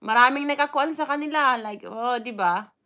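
Bright, high-voiced Filipino woman live-streaming. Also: moderate pace. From Philippines. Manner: chatty, greets viewers by name, frequent fillers and laughs. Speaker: vlogger greeting live chat viewers. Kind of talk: casual live-stream chat.

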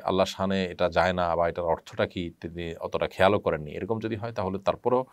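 A man with a very low voice and a Bangladeshi Bengali accent answers religious questions sent in by viewers. He speaks in a measured way and often pauses with "ah". The sound is dry and close, with no room echo. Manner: measured, frequent "ah" fillers, reads names then answers. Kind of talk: live Q&A, reading questions and answering.

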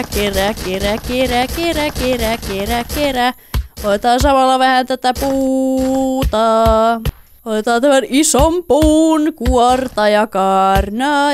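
A woman giving casual, playful commentary while playing a building game, chatting to the characters on screen. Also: on the high side. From Finland. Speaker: let's play gamer.

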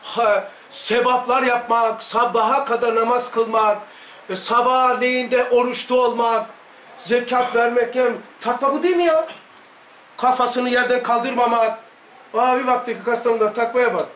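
A man's voice: extremely high pitch, fairly even intonation, normal speed, a bit bright, reverberant. A man with a Laz Turkish accent, giving an emphatic religious lesson full of repetition and rhetorical questions. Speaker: religious study teacher.

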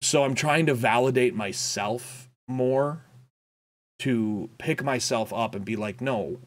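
A young male content creator with a medium-pitched voice speaks candidly in a personal vlog update, reflective and halting, full of fillers and restarts. He's indoors in a small room at home, recording on a boom-arm desk mic while wearing headphones.

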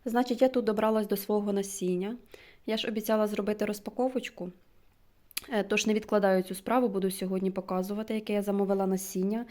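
Lady chatting slow over her seed packets, flat mellow voice, half-whispers the labels. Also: medium pitch. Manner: chatty, slow, reads out names one by one; drops to a near-whisper when reading labels. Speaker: gardening vlogger. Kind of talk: casual show-and-tell chat.

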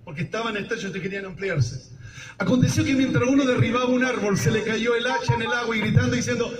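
A man preaching a sermon in a church, exhorting the congregation to repeat his words and reading scripture aloud slowly. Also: very high voice. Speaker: pastor. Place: church hall. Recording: echoey church from far off with loud traffic noise.

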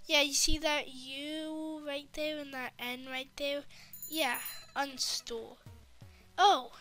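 Female gaming host; unhurried, drawn-out delivery, rambling commentary with frequent whispered asides. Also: high-pitched, level tone, sharp tone, faint music behind. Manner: rambling, often drops to a whisper. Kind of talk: casual gameplay commentary.

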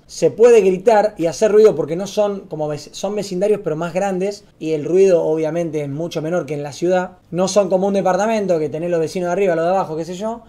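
Speaking in a high voice with an Argentine Spanish accent, this young male streamer rattles off a slangy story to the camera. His excitement spills over into loud bursts as he acts out the scenes.

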